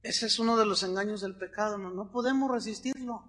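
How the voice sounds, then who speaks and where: A middle-aged Mexican pastor delivers a sermon in a relaxed, storytelling way. His voice sits high for a man and rings very bright. He acts out the people in his anecdotes, switching voices as he quotes them. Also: fairly quick. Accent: Mexican Spanish.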